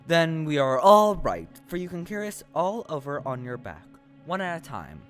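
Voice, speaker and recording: A man's voice: fairly high pitch, sing-song, normal speed, soft background music. Guy doing a naive straw scarecrow, real swoopy voice, earnest and logical, stage audio play. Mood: reasoning, eager.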